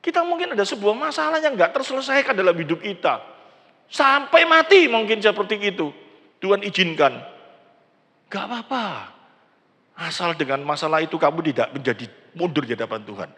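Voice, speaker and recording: An older pastor preaches in a big church, swinging his pitch widely as he acts out prayers. His voice is gravelly and bright. A long reverb from the hall trails behind every phrase. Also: a little fast. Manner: animated preaching, acts out quoted prayers, mixes in Javanese words. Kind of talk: sermon.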